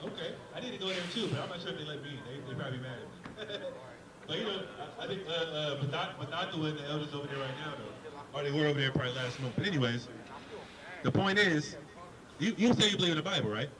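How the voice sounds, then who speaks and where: A man's voice: on the high side, fast talker, low-quality recording. A man preaching on a city street, questioning a passerby in an emphatic debate and repeating words as he drives his point home. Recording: busy street crowd behind.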